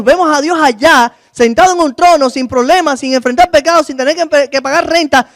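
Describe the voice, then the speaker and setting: A man's voice: very high voice, fairly bright tone, no room sound, clean studio sound. A male pastor giving a sermon, asking the congregation questions and acting out the voices in the Bible story. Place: church.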